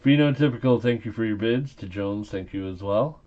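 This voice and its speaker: A man's voice: lowish voice, normal speed, dull audio. A man working as a casual, playful auctioneer, hosting a live auction and repeating bids and calls. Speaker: auctioneer and live stream host.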